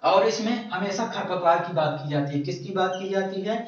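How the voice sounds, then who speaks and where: A man's voice: high-pitched, normal speed. A man teaching an agriculture exam-coaching lecture, asking the class questions and answering them himself, repeating key terms. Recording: echoey room, distant lo-fi mic.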